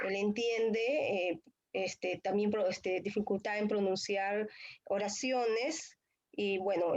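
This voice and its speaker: A woman's voice: mid-range voice, a little mellow, muffled recording. A female student acting out a speech therapy consultation, hesitant with many fillers, over a video call. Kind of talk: clinical role-play practice.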